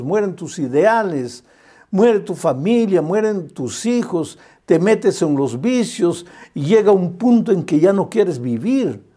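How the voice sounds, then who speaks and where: A man's voice: sits high, dark tone. A male pastor preaching an evangelistic sermon with impassioned, repetitive cadences, speaking directly and fondly to the listener.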